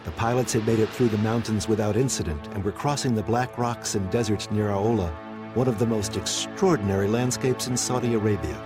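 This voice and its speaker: A man's voice: on the low side, fairly quick, few pauses. A man reading scripted documentary narration as the narrator. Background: music bed.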